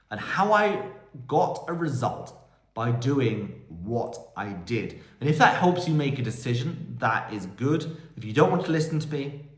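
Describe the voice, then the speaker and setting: A man hosting a casual Q&A video, telling rambling stories full of quoted dialogue and recorded on a phone. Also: mid-range voice. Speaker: vlog host answering viewer questions. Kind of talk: casual Q&A monologue. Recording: roomy echo.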